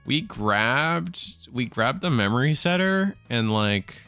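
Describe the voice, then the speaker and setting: A man casting a card game tournament live, thinking out loud and correcting himself as he talks. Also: mid-range voice, lively intonation, slow pace, clean tone, dry recording, soft background music. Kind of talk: live play-by-play commentary.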